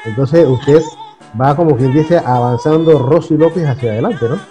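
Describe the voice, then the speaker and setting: A man's voice: a little high, moderate pace, mellow, muffled recording, faint music behind. A man with a Peruvian accent from Lima, hosting a TV interview in a conversational tone and ending his questions with a prompt. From Peru.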